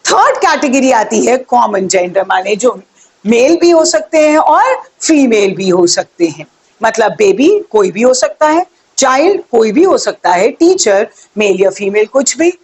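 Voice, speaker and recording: A young woman teaching an English grammar lesson, explaining slowly, spelling words out letter by letter and asking her viewers questions. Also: on the high side, very animated, darkish tone.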